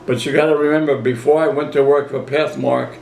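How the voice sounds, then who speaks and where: A man's voice: mid-range voice, flat delivery, a little fast, gravelly, darkish tone, a little hiss or hum. A man in his eighties reminiscing casually in an interview, a folksy storyteller who repeats his phrases and quotes people as he goes. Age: 80s. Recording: roomy, echoey home recording.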